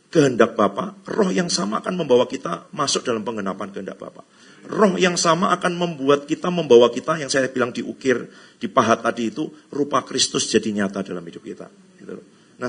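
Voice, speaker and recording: Gravelly, lively-voiced Indonesian pastor preaching. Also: male voice, fairly high pitch. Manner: chatty, teasing, mixes in English phrases and playful quoted voices. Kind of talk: conversational sermon. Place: church hall.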